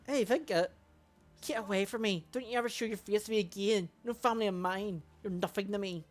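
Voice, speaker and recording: A woman's voice: mid-range voice, a little fast, soft background music, close to an everyday voice. Woman doing a grim, vengeful killer. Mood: furious.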